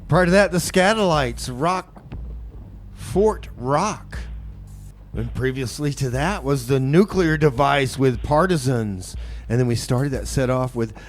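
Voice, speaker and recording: Broadcasting from the studio, a man hosting a community radio show reads announcements and banters casually, calling his listeners folks. His mid-range voice is laid-back and a little slow, with a little hiss or hum in the audio.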